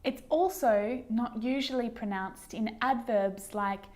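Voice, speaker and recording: A woman teaching English pronunciation who says each example word twice, slowly and clearly. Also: a little high, a little mellow. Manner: models words twice, clearly and deliberately. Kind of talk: slow instructional explanation.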